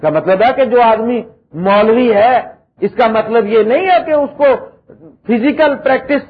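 Middle-aged male preacher, very high husky voice, dramatic swings in delivery, tinny lo-fi lecture recording. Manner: dramatic, swings from high emphatic lines to low quiet ones; recites verse lines slowly. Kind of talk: Urdu religious lecture.

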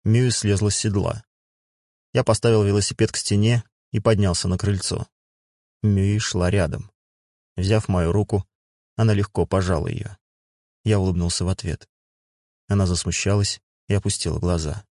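A man reads a first-person fantasy audiobook in a measured, even manner. His voice sits low. The recording is dry and close, with no room sound. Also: dry recording. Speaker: audiobook narrator.

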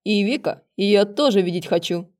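Woman voicing a gruff, snapping werewolf lord. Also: mid-range voice, moderate pace, darkish tone, lightly acted. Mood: grudging. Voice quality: hoarse, snapping. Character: gruff angry male werewolf lord, father.

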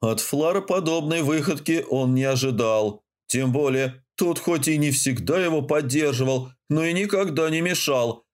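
A man reading a novel aloud as an audiobook narrator, with steady, even storytelling. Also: fairly high pitch, normal speed, few pauses. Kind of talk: scripted narration.

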